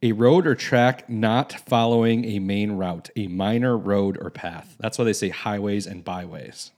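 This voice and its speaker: A man in his thirties co-hosting a casual podcast, easygoing and quick to laugh. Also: lowish voice, a little mellow. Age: 30s. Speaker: podcast co-host. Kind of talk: casual chat. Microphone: headset.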